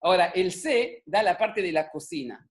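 With a high-sitting voice and moderate pace, a joking man with a Rioplatense Argentine accent tells a story. The talk is religious yet humorous, filmed at home on camera, and he keeps it animated with many asides to the audience.

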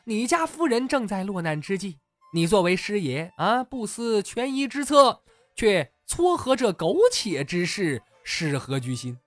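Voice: medium pitch, sing-song, unhurried, dry recording, faint music behind, voice pushed up. A storyteller voicing a failed scholar past thirty who speaks in stiff, mock-modest classical phrases.

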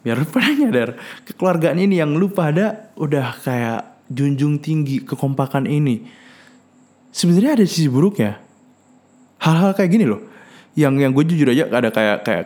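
A man's voice: medium pitch, expressive, moderate pace, darkish tone. Blunt, cursing man ranting on a podcast. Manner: blunt and profane, mixing in English words; repeats words and restarts often. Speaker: podcast host. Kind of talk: casual solo podcast rant.

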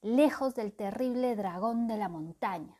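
A woman's voice: mid-range voice, a little slow, warm tone, lightly acted. Woman doing a tiny grumbly goblin man from a storybook, touchy and proud. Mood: impatient.

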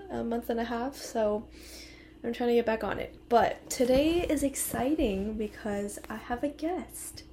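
A woman's voice: fairly high pitch, darkish tone, a little hiss or hum. A woman in her twenties hosting a casual podcast chat, giggly and rambling. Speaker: podcast host.

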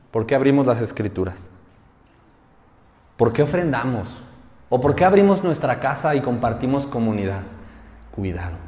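A male pastor preaching a sermon, firing rhetorical questions with emphatic swells and hushed drops. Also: medium pitch. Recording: roomy hall with long reverb.

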